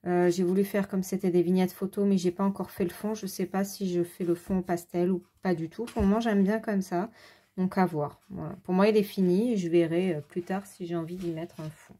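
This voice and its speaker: A woman casually showing her coloring books, rambling with fillers and quick self-corrections. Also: lowish voice, fairly even intonation, warm tone. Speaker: adult coloring hobbyist. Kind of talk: casual show-and-tell.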